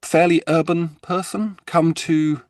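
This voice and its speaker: A man's voice: on the high side, fairly even intonation, slow, a little mellow, dry recording. A man from Britain hosting an interview podcast, asking questions politely and eagerly, with the odd stumble. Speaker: podcast host. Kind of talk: interview conversation.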